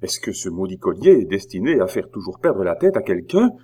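Guy doing a snooty angry queen, imperious and mocking, voice pushed up high and loud. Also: big pitch swings, fairly quick, husky, heavily acted. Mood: indignant. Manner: imperious, mocking, laughing scornfully. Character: haughty indignant queen, woman, scornful.

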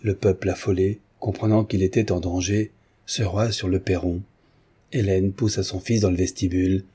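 A man narrates a classic novel in a measured audiobook reading. His voice is deep and husky, with a dark, mellow color. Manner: measured, literary.

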